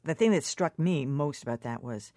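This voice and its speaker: A woman's voice: low-pitched, lively intonation, normal speed, mellow, dry recording, clean studio sound. A woman hosting a radio talk panel, asking probing questions in a conversational way. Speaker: radio talk show host.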